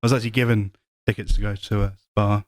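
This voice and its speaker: A man's voice: lowish voice, flat delivery, quick pace, no room sound, studio quality. A man co-hosting a comedy podcast, talking casually in a joking, mock-modest way. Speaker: podcast co-host with a regular segment. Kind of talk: casual comic podcast chat.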